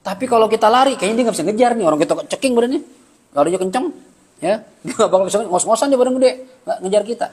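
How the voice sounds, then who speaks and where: A man teaching an Islamic study class, lively and joking, with slangy asides and acted-out bits of dialogue. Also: high-pitched, very fast, long reverb tail. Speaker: religious teacher.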